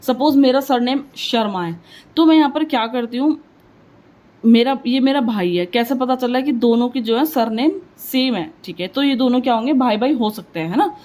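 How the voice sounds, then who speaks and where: A woman with a fairly high voice teaching maths, talking herself through each calculation. She keeps asking little questions and answering them right away, dropping English words into her explanation. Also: moderate pace, a little mellow, rough recording. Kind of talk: step-by-step maths lesson.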